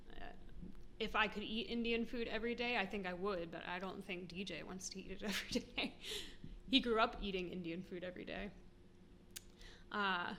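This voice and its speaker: A woman's voice: medium pitch, sharp tone, a little hiss or hum. Giggly American woman vlogging. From United States. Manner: chatty, giggly, self-deprecating. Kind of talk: casual talk to camera.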